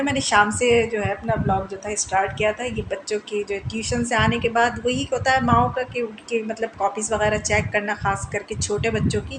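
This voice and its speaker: A woman in her thirties talks through her household routine as a vlog voice-over, chatty and quick to laugh at herself. Her voice sits a little high. A steady noisy hiss runs under the recording. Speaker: vlogger, mother. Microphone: voice-over mic.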